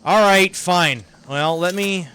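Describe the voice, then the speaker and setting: A man's voice: high voice, takes it slowly, sharp tone, clean tone. A tired man giving rambling gameplay commentary on a livestream, thinking aloud with many fillers, over a headset mic. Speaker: streamer.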